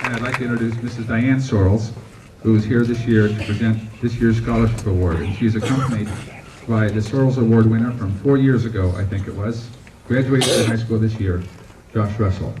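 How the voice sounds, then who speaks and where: A man's voice: on the low side, a crowd in the background. A man presenting awards at a school ceremony, reading formally from a script, captured on an old home VHS tape. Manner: measured, reads from a script. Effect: old home VHS tape recording. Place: school auditorium. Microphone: camcorder mic far from the stage. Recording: distant hall voice on noisy old VHS tape.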